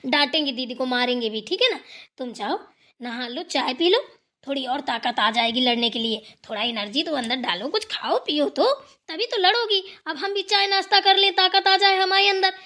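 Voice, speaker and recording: A woman's voice: sits high, expressive, moderate pace, pushed and bright. A woman voicing an older village mother-in-law in a cartoon, homely and teasing as she scolds. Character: stern but fond old village mother-in-law.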